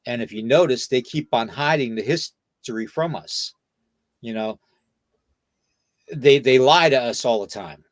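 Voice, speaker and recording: A man hosts a casual podcast in a voice that sits at an ordinary middle pitch. He lectures his listener, punctuating nearly every point with "okay?" and "you know." The sound is dry and close, with no room echo. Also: measured pace, long pauses. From United States. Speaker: podcast host.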